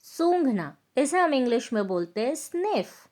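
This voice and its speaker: A woman teaching vocabulary, saying each sentence slowly twice for learners. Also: high voice, very animated, a little mellow. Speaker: English teacher. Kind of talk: English vocabulary lesson in Hindi.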